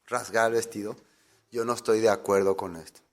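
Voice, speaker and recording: A man's voice: lowish voice, fairly even intonation, brisk. A man preaching a sermon as a pastor, emphatic, asking his listeners rhetorical questions and acting out the voices he quotes.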